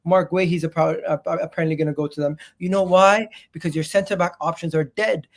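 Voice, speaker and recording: A man's voice: on the high side, fairly even intonation, fast talker. A man giving a passionate, exasperated football rant as a fan pundit, blunt and sweary, repeating phrases for emphasis. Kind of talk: opinionated sports rant.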